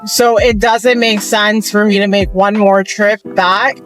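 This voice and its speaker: A woman's voice: mid-range voice, little pitch movement, a little slow, faint music behind. Brief: woman vlogger, mid-range voice, chatty and rambling, talking to viewers on a phone at home. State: a little out of breath at times. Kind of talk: casual vlog chat. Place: at home in a cluttered bedroom.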